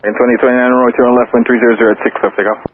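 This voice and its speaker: A man's voice: medium pitch, little pitch movement, racing. A man working as a tower controller, giving clipped, procedural instructions over aviation radio. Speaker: airport tower air traffic controller. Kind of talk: rapid clipped radio phraseology, issuing instructions. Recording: narrow, staticky air traffic radio transmission.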